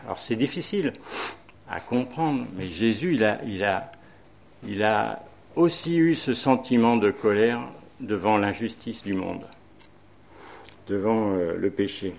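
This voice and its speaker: A man's voice: lowish voice, a little slow, creaky, long pauses, a little mellow, dull audio. A man preaching a sermon, hesitating often with fillers and reading Bible verses aloud.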